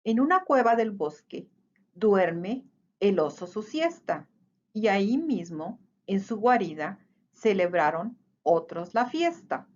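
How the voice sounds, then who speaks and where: A woman reading a children's picture book aloud in an expressive, sing-song way. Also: medium pitch, slow pace, muffled recording. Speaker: storyteller.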